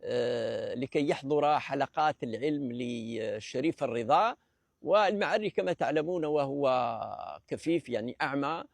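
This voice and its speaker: In an unscripted lecture, the presenter of a language talk series speaks in a gravelly, mid-range voice with clean, echo-free studio sound. He is measured and explanatory but hesitant, using many fillers and restarting often.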